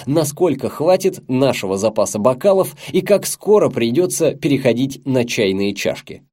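Mellow-voiced man reading an audiobook. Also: mid-range voice. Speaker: audiobook narrator. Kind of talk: audiobook narration.

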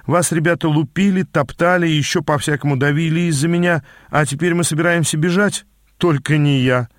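A man's voice: a little high, fairly even intonation, a little fast, no room sound, studio quality, voice pushed up, natural voice. Man putting on a blunt, teasing young woman. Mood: defiant. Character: bold, stubborn young woman fighter.

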